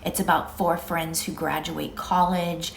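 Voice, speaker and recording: A woman's voice: low-pitched, level tone, a little slow, gravelly, slight background noise. A woman in her fifties chatting in a casual, rambling, reflective way, recorded in an echoing indoor stairwell. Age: 50s. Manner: rambling, musing, conversational. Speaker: vlogger. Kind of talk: casual, reflective solo vlog chat.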